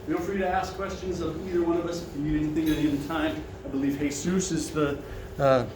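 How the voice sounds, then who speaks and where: His voice on the high side and his pace fairly quick, a financial seminar presenter projects a big, carrying voice to seated attendees, staying friendly and easygoing and inviting their questions. He is captured from well back in a large, echoing dining room, with steady noise underneath.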